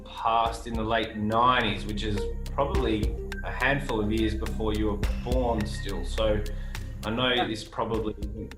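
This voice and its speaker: A man's voice: lowish voice, fairly even intonation, measured pace. A man hosting a casual game show, chatting along in self-deprecating host patter. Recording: roomy echo, music underneath.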